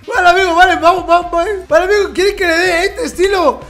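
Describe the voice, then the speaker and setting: A woman's voice: very high-pitched, normal speed, fairly bright tone. A woman hosting a gaming video, teasing her friend and giggling constantly in casual banter. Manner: giggly teasing, laughs constantly while talking. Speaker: gaming channel host. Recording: music playing underneath.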